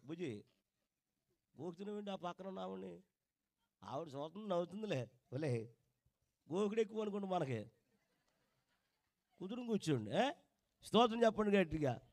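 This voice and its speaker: A male pastor preaching a sermon to a congregation, pushing them to answer aloud and switching between loud preaching and quiet asides. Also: high-pitched, no room sound, studio quality. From India. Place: church hall with a congregation.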